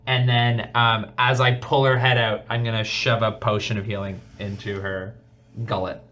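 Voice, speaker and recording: A man playing a tabletop role-playing game, describing his moves in a jokey, excitable way. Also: lowish voice, normal speed, muffled recording. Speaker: player.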